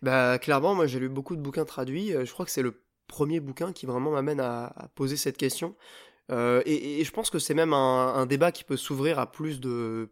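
Podcast host, male, mid-pitched, halting delivery full of fillers; casual chat. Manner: hesitant, many filler sounds and restarts.

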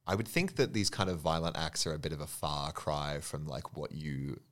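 A man chatting casually as a podcast guest, animated and swearing freely with frequent laughs. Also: very deep voice, moderate pace. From Australia.

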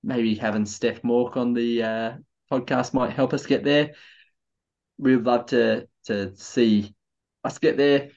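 Tipsy man, lively banter. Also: medium pitch, slow, vocal fry. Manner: loose, enthusiastic banter with stammered restarts. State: a bit tipsy. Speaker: podcast co-host. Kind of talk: casual chat. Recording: slightly dull, lo-fi audio.

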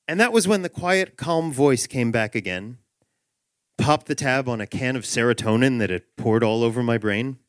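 A man telling a comic personal story, animated and self-mocking with quick asides. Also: medium pitch, no room sound, clean studio sound. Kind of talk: live comedic storytelling.

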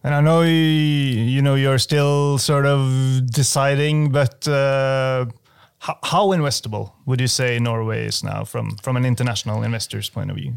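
A man's voice: mid-range voice, steady tone, moderate pace, creaky, clean tone, dry recording, clean studio sound. A man interviewing a guest, asking questions in a friendly way with short prompts.

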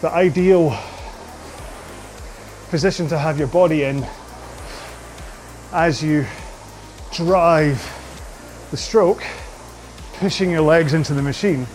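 A man coaching an indoor rowing workout, giving slow, measured cues about posture and pace. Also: a little high, a little mellow, soft background music.

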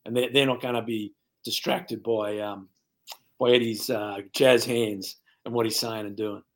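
A man's voice: lowish voice, level tone, a little slow. Blunt, joking ex-coach man. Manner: blunt, colourful, laughs at his own jokes. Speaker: rugby pundit, former coach. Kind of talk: casual sports analysis.

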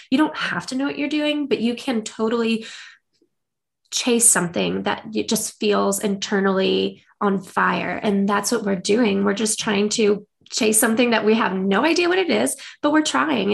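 Young woman cohosting a podcast, lots of vocal fry, earnest and rambly. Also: fairly high pitch. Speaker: podcast co-host. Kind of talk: casual chat.

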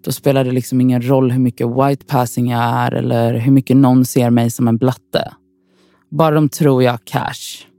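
A woman's voice: extremely low pitch, warm tone, no room sound. A woman from Sweden in a scripted inner monologue, wry, frustrated and profane as she talks to herself.

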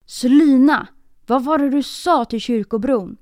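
A woman's voice: fairly high pitch, expressive, dry recording, clean studio sound. A woman voicing a proud, harsh false bride in a storybook reading, speaking sharply. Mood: scolding. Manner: sharp, scolding.

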